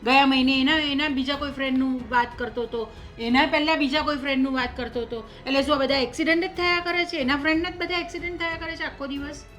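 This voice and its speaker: An actress playing a stern middle-aged mother who presses her daughter-in-law about her son's missing money, insistent and accusing, with soft music behind. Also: a little high, brisk, natural voice. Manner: accusing, insistent, lists sums and grievances. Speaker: actor in a family drama. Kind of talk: short-film drama acting. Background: soft background music.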